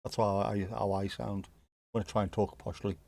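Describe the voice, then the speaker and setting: Reacting to his live chat, this Scouse livestream host from the Liverpool area talks casually with viewers, cracking jokes and swearing occasionally. He has a lowish, creaky, slightly mellow voice, a flat delivery and a moderate pace, with no room sound.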